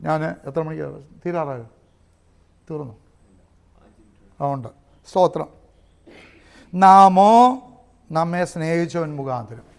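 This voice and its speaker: A man preaching a fiery sermon, swinging loud shouts to low asides with praise exclamations. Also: slow, gravelly, long pauses. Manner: swings between shouting and near-muttered asides, with tongues and exclamations. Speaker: pastor. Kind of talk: Pentecostal sermon.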